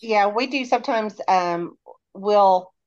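A woman's voice: mid-range voice, slow, a little mellow, dull audio. A woman who runs a haunted attraction, talking in chatty podcast conversation. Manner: chatty, many fillers. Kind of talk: casual podcast chat.

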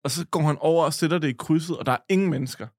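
A man's voice: a little high, a little mellow, no room sound, studio quality. A man co-hosting a podcast, telling a long story in a loose, rambling way with many fillers. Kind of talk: casual podcast chat, storytelling.

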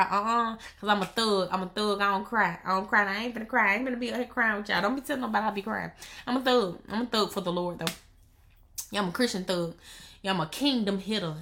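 Woman, business coach, casual live-stream talk, bright tone, emphatic, playful, slangy. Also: mid-range voice. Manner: emphatic and playful, repeats phrases for effect; slangy, conversational delivery.

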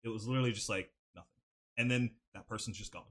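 On a podcast, a young man with a lowish, slightly bright voice chats quickly and casually, spinning a long, rambling story packed with fillers. His studio mic is angled a bit away from him.

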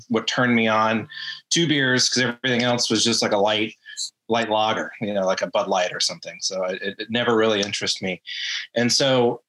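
A man from Atlanta, a brewery co-founder and guest, telling his story in a relaxed way with frequent ums. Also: lowish voice, poor audio. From Atlanta, Georgia. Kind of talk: casual interview chat.

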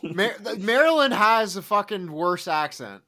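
Male podcast co-host, blunt and profane, fairly high voice with lively inflection. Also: a little slow. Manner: blunt, swears freely, emphatic. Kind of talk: casual group chat.

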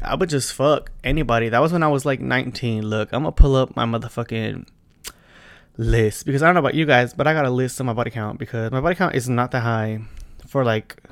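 A man in his twenties hosting a solo podcast, talking bluntly and profanely, with loud bursts and quiet asides. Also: medium pitch. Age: 20s. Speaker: podcast host. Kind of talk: casual solo podcast chat.

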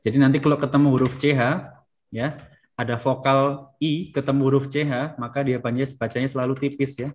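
A man's voice: mid-range voice, fairly even intonation, a little fast. A man teaching a German class, patiently prompting students to say words back. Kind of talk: classroom language lesson.

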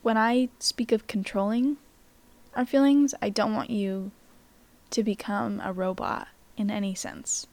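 Female podcast host, unhurried and reflective, medium pitch, slightly tired voice, gentle delivery with breathy endings. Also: fairly even intonation, dry recording. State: slightly losing her voice. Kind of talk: reflective spoken podcast on mindfulness.

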